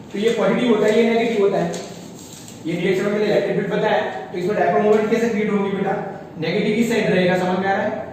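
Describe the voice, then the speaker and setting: A man's voice: high-pitched, a little mellow, slight background noise. A male physics teacher lecturing a class, often calling the students "beta" and checking whether they understand. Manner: calls students "beta", asks checking questions. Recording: echoey classroom from far off.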